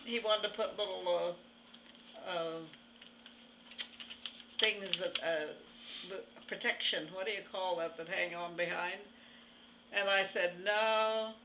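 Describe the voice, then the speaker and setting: A woman over a hundred with a very old voice, answering an interviewer in a halting, plainspoken way with pauses mid-phrase. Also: lowish voice, steady tone, background noise. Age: over 100. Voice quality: very old, aged voice. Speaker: interview guest. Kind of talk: reminiscing in conversation.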